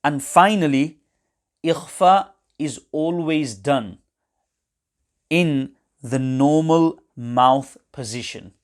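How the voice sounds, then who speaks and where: A man's voice: on the high side, slow pace. A man teaching Quran recitation rules in a webinar, explaining carefully and reciting short examples.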